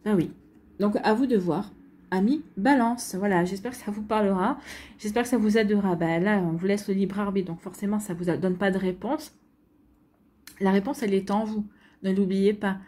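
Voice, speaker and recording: A woman gives a tarot reading and talks directly to her viewers. Her voice is mellow and dark with a husky edge. She speaks hesitantly, with many fillers and restarts. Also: medium pitch, fairly even intonation, moderate pace. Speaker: tarot card reader. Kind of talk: spontaneous tarot reading to camera.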